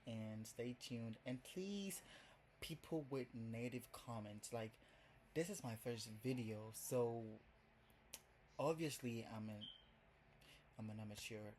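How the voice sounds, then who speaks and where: This young Ghanaian vlogger talks to the camera for the first time, chatty and rambling, peppering his Ghanaian-accented speech with "um" and "like." His voice is medium-pitched with a darkish tone. Sound quality is poor, with some background noise.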